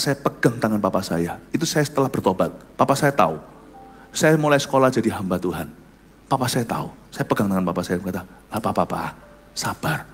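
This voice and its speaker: A middle-aged pastor from Surabaya preaching and telling personal stories, swinging from loud outbursts to soft confessions. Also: male voice, mid-range voice. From Surabaya, Indonesia. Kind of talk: sermon with personal storytelling. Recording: echoey hall with music behind.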